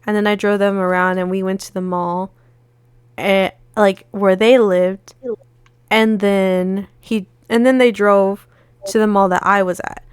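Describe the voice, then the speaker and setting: In a casual chat, a woman co-hosting a podcast rambles through a long story, acting out what people said. Her voice is medium-pitched with little pitch movement, unhurried, and clean, recorded dry.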